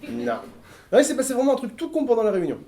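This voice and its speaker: A man's voice: very high voice, wildly swooping pitch, racing, mellow. A man hosting a riddle game on stage, laughing often and hesitating while he answers questions. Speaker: game host. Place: convention stage before an audience. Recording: live crowd in a hall.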